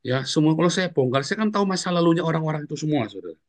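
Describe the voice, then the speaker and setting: A middle-aged man preaching a sermon as pastor, telling stories in a casual way and often turning to the congregation. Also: rapid-fire. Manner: storytelling, addresses congregation as "saudara", lively swings in pitch.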